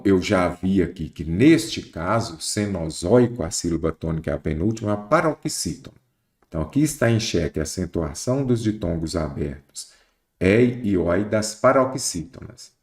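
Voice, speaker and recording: Brazilian guy teaching exam prep, low voice, keeps asking you questions, roomy echo. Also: big pitch swings, normal speed, darkish tone. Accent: Brazilian Portuguese. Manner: explains step by step, asks the listener questions. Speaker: Portuguese teacher.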